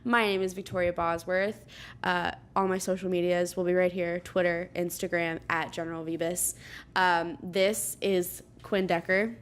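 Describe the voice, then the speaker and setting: A woman's voice: on the low side, little pitch movement, moderate pace, clear, resonant tone. A woman hosting a podcast in casual chat, playful and giggly. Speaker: podcast host.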